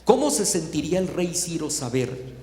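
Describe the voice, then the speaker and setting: A man's voice: a little high, big pitch swings, normal speed, mellow. A man preaching a fervent sermon, telling a story to the congregation. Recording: echoey hall.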